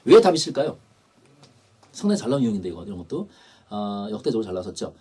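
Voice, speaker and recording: Husky male instructor, lively pitch. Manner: explanatory, repeats key terms, slows down to read English lines. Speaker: English test prep instructor. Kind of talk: lecture.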